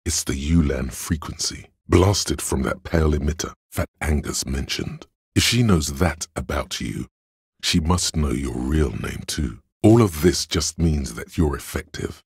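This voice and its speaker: A voice actor performs a video game's cool, analytical inner voice of logic in heavily acted, scripted narration. His male voice is profoundly low, a gravelly, husky bass with crackling fry at the edges, measured, matter-of-fact, and composed as he reasons things through deliberately. The studio-quality recording has no echo.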